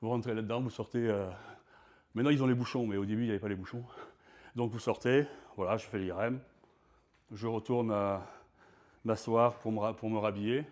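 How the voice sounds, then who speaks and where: Homme qui raconte sur scène. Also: male voice, fairly low pitch, steady tone, fairly quick, pauses often, darkish tone. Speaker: speaker. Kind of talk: performed storytelling talk. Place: stage before an audience.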